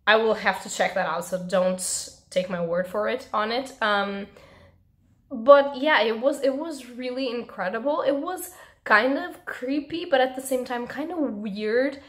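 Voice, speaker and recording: A young woman with a hoarse, strained voice, chatting expressively to camera as she reviews books in a room at home. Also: a little high, measured pace. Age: young adult. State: hoarse, losing her voice. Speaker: book reviewer and channel host. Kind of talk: casual chat to camera, book review.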